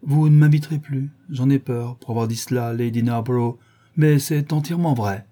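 A man voicing a witty, cynical aristocratic gentleman who trades languid paradoxical quips. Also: medium pitch, moderate pace, voice pushed up, natural voice. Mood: wry.

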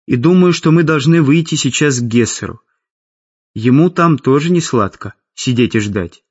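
A man voicing a steady, earnest young man, with a slightly husky voice. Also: medium pitch, normal speed. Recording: dull lo-fi audiobook with faint music.

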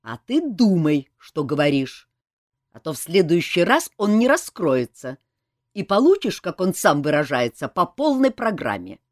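A stern army colonel barks orders in an audiobook, as a woman puts him on. The voice is gruff and commanding, its pitch leaping widely. The recording is dry and close. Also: very animated, a little slow, no echo. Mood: lecturing.

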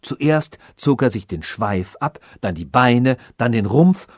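A man narrating a fantastical story in a measured storytelling manner. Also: medium pitch, animated, no echo, studio quality. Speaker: audiobook narrator. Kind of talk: scripted narration.

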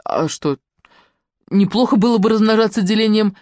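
Brief: gentle, unbothered dreamer, from a female reader, mild and musing, dry read. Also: mid-range voice, normal speed, no echo, pitched above the performer's own voice, close to an everyday voice. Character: plump, gentle, dreamy grown woman.

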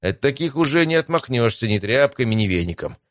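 In an audiobook, a cheeky young adventurer teases his friends with quick jokes, his voice lifted well above the reader's own deep tone, as a male narrator puts him on. The delivery is dry and close, with no room around it. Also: big pitch swings, fairly bright tone, no echo. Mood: teasing. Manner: teasing, wisecracking. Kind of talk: audiobook character voice.

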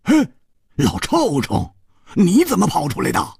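A man voicing a boisterous young swordsman in a storytelling audiobook, talking high and fast with many fillers. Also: huge pitch swings, gravelly, husky, no room sound, clean studio sound, full character voice. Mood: excited.

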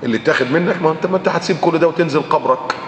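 A man preaching with an Egyptian Arabic accent, fast and animated, firing off rhetorical questions and now and then chanting verses. His voice sits a little high. The recording rings with a long hall echo. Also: a little hiss or hum. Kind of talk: sermon.

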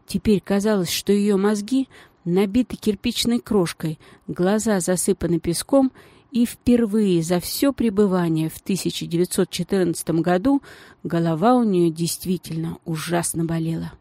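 Женщина с выразительной живой манерой читает вслух детскую повесть. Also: female voice, lowish voice, normal speed, warm tone, dry recording. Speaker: audiobook reader. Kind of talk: storybook narration.

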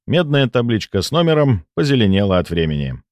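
A man narrating a first-person audiobook in a lively, expressive reading. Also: fairly low pitch, brisk, no echo, studio quality.

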